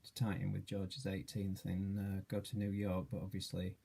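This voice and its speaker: A man's voice: deep voice, completely flat delivery, normal speed, vocal fry, warm tone, husky. A man in his late forties from Yorkshire, introducing himself in a video as a charity trustee, hesitant and modest with many fillers. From Yorkshire, England. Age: 40s.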